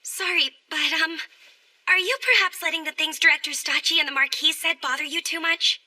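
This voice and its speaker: An actress playing an earnest, worried young academy student in an anime English dub. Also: female voice, high voice, a little fast, pushed and bright.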